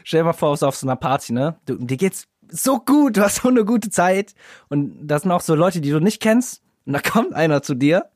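A man's voice: fairly high pitch, sing-song, brisk, no echo, clean studio sound. A young man co-hosting a podcast in casual chat, slangy, laughing often as he tells stories. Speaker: podcast co-host.

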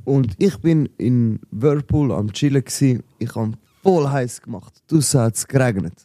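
A man's voice: medium pitch, expressive, unhurried, mellow, no echo, studio quality. A young man with a Swiss German accent, telling stories in casual, slangy chat and calling his friend bro. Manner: slangy storytelling, says bro a lot. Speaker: podcast guest, rapper.

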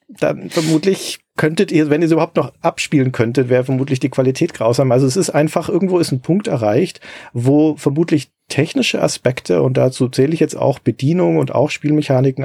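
Gravelly, dark-voiced man, thoughtful. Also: mid-range voice, no room sound. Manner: measured, thoughtful arguing. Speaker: podcast host. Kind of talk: podcast discussion.

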